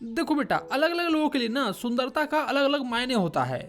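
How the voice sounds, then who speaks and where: A woman's voice: high-pitched, sing-song, brisk, faint music behind. Woman voicing a kindly old gardener man. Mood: fatherly. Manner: gentle, patient, fatherly.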